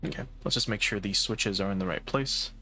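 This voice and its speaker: Male gaming streamer, low-pitched and bright, relaxed let's-play chatter. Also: a little fast. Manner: relaxed, talks through puzzle steps with fillers and swearing. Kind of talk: casual let's-play commentary.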